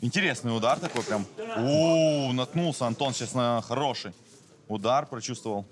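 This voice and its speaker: A man's voice: mid-range voice, brisk, fairly bright tone. A man giving live fight commentary in a conversational, reactive way. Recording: live event, clear crowd noise.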